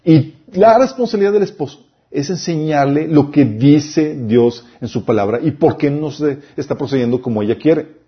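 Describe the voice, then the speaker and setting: A man's voice: a little high, normal speed. Emphatic preacher man, lo-fi. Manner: emphatic, lists points, reads scripture aloud. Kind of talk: sermon-style Bible teaching.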